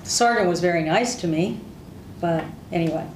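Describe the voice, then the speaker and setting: Recorded on a distant microphone with a roomy echo and a little hiss or hum, this veteran interviewee talks at a normal speed in a darkish voice on the low side. She is an older native Hungarian speaker, telling plain-spoken, candid stories of her service for an oral history.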